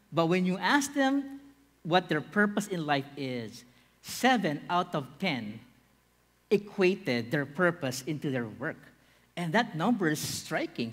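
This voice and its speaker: Animated Filipino preacher in a big hall. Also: male voice, fairly high pitch. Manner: animated, gesturing, teacherly questions. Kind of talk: church talk, mixing English and Tagalog. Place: large indoor stage. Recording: long reverb of a large hall.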